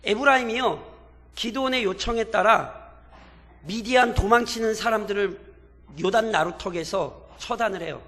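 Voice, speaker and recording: High-voiced pastor preaching in an echoing church. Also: male voice, normal speed. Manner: animated, rhetorical questions to the congregation. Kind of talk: sermon. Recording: long reverb of a church hall.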